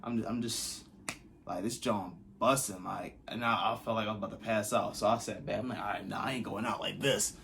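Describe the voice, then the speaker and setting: A young man with a fairly low voice tells a personal story in a relaxed, slangy way. His delivery is loose and conversational, with a faint hiss behind him. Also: brisk, gravelly. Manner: laid-back slangy retelling. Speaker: vlogger. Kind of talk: casual storytelling.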